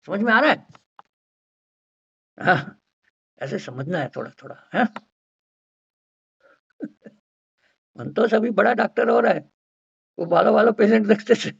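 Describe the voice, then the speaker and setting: This homeopathy teacher speaks in a high, husky, gravelly voice, animated yet unhurried and full of frequent pauses. He weaves English into his lecture and keeps asking whether the class is keeping up, all captured on a dull, lo-fi recording.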